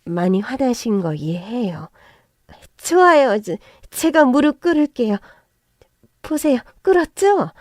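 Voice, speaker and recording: A woman's voice: sing-song, unhurried, a little mellow, no room sound, studio quality. A woman voicing a brash, scheming middle-aged mother-in-law who turns from indignant to fawning. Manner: shrill and indignant, then fawning.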